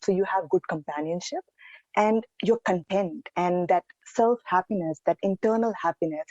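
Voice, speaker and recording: A woman's voice: lowish voice, a little mellow, no echo. Woman from India, podcast guest, earnest and reflective; dull, dry lo-fi audio. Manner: earnest, reflective, with pauses and restarts. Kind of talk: casual interview answers.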